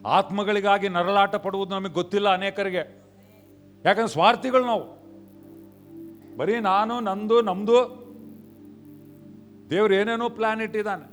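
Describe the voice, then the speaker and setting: A male pastor preaching a sermon in a church, mixing in English phrases, swinging from quiet acted dialogue to shouted peaks. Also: high voice, steady tone, unhurried, long pauses, faint music behind. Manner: mixes English phrases into Kannada.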